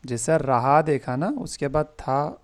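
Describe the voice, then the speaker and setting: A man's voice: medium pitch, steady tone. A man tutoring Persian over a video call, patiently drilling verb forms word by word. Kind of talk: online one-on-one language lesson.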